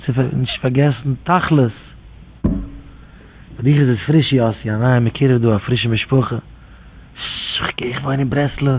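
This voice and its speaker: A man telling rambling religious stories and teachings in an informal way, repeating his phrases in a near chant. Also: mid-range voice. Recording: tinny phone-like audio with faint noise.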